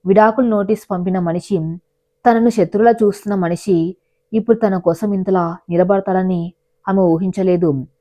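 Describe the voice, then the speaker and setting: A woman's voice: medium pitch, fairly even intonation, moderate pace, mellow. Telugu woman narrating a dramatic story.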